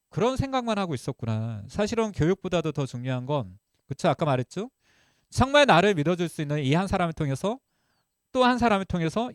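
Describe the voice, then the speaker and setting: Lively, high-pitched Korean man lecturing. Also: no room sound, clean studio sound. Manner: animated, acts out his own past remarks in quotes. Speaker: group leader giving a talk. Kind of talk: motivational seminar talk.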